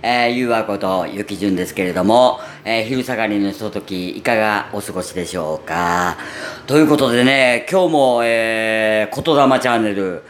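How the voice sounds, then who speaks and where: A man with a gravelly voice and a Kansai Japanese accent, chatting casually and unaffectedly to listeners as a radio host. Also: lowish voice, moderate pace. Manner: natural unaffected delivery, chatty, with frequent sentence-final "ne". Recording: roomy echo, faint background noise.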